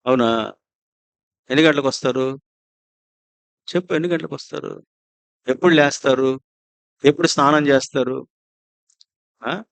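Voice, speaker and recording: A pastor from Andhra Pradesh with a Telugu accent preaches a sermon to his congregation at a prayer house, asking them many rhetorical questions. His medium-pitched voice is slightly bright, clear and resonant, with no room sound.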